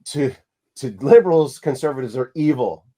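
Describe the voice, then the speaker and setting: A man hosting a podcast, telling a story in a relaxed, conversational way with frequent restarts and fillers. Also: mid-range voice, normal speed. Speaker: podcast host. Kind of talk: casual conversation.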